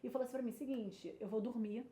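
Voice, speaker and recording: Her voice is fairly high and dark, her pace quick: a guest in her thirties recounting a personal story with animation in casual conversation and performing the voices of those she quotes. The room is echoey, with faint noise.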